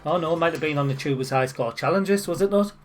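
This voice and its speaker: A man's voice: fairly high pitch, fast, slight background noise. A man with a Northeast English Sunderland accent, chatting casually while streaming retro games, full of "like" fillers. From Northeast England. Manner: chatty, nostalgic, frequent "like" fillers.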